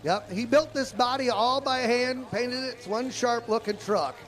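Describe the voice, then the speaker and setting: A man's voice: very high voice, normal speed, fairly bright tone. A man working as a tractor pull announcer, calling competitors and reading sponsor plugs live. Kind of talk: live event announcing with sponsor reads and banter.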